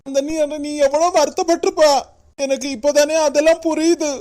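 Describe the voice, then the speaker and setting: A woman's voice: high voice, steady tone, brisk, warm tone, lightly acted. A woman voicing a remorseful, stern older brother in a cartoon, speaking with a Kanyakumari Tamil accent. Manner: emotional, pleading then scolding. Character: remorseful then stern adult brother, head of family. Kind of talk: cartoon voice acting.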